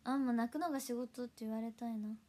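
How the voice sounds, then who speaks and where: A young woman hosting an idol livestream chats casually with her viewers in a fairly high voice, giggling often and now and then slipping into a soft whisper. She talks quickly with a steady tone and sounds close to the mic.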